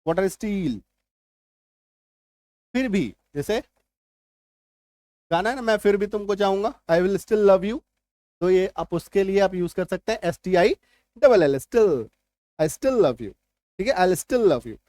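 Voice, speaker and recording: A man's voice: sits high, expressive, slow pace, pauses often, mellow, dry recording. A man teaching English spelling rules, repeating points and checking if students follow. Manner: repetitive, reassuring, keeps checking understanding. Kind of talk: spoken lesson explaining spelling rules.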